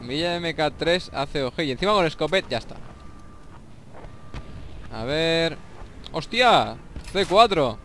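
A young man with a Spain Spanish accent giving excitable, swear-filled commentary over a shooter game and taunting the enemies. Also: a little high, measured pace, pauses often, slight background noise. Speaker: gameplay commentator. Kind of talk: let's play commentary. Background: faint game music and gunfire.

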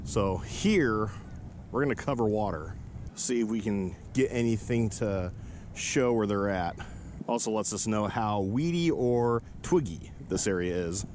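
A man giving relaxed, instructive fishing tips to a head-mounted camera at a sunny lakeshore. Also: on the low side, measured pace. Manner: relaxed, instructive, talking to camera while working. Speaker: fishing vlogger. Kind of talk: casual how-to narration. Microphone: head-mounted action camera. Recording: outdoor noise behind the voice.

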